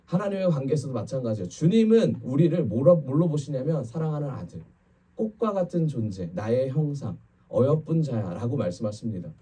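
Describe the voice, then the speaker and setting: A man's voice: medium pitch, a little fast, husky, recorded from a distance. A man, a pastor, giving a conversational Friday evening sermon in a church, talking directly to his congregation. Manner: conversational preaching, quotes people in lively voices. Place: church sanctuary.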